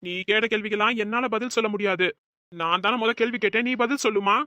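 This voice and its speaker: Woman doing a stubborn cartoon village gardener, bright-toned and blunt, talking back gruffly, dry sound. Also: medium pitch, quick pace, no echo, lo-fi sound, natural voice. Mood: cranky. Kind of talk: cartoon voice acting.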